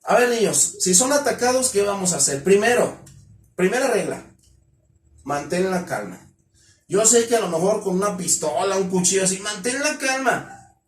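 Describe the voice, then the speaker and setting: A Mexican man with a high-pitched voice lectures a class, stressing each point and throwing rhetorical questions at his listeners. He sounds a little distant from the mic, and the room gives his voice a noticeable echo. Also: animated, normal speed, faint music behind. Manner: emphatic, asks the class many rhetorical questions; acts out shouted cries for help. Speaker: criminology lecturer.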